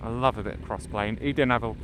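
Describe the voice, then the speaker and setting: British man chatting over loud motorbike noise. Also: medium pitch, fairly even intonation, quick pace. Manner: informal, rambling, sweary. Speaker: motovlogger. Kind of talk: casual vlog chat while riding. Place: outdoors on a moving motorbike. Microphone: helmet mic. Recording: noisy helmet mic, engine hum. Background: motorbike engine and road noise.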